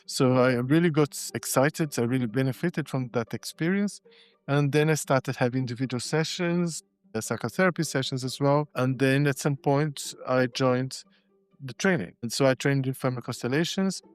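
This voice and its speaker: A man's voice: mid-range voice, normal speed, no room sound. Man in his sixties, reflective. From Brazil. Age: 60s. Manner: reflective storytelling with frequent restarts and repeated words. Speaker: guest, constellations facilitator and shiatsu practitioner. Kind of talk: casual podcast interview.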